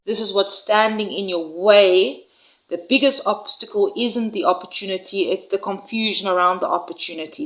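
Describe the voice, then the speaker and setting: A woman giving an intuitive tarot reading to viewers, speaking in an unhurried, reassuring way with frequent "all right?" check-ins. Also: mid-range voice, a bit bright, low-quality recording. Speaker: tarot reader.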